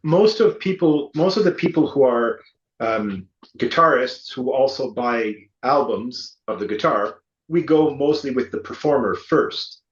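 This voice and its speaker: A man with a middle-pitched voice asks questions and muses aloud. His speech is hesitant and full of restarts. He sounds distant in an echoey room, and the recording is dull and slightly muffled. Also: lively intonation, unhurried. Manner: thinks aloud, hesitant, rambling. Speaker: interviewer, guitarist. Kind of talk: interview questions and chat.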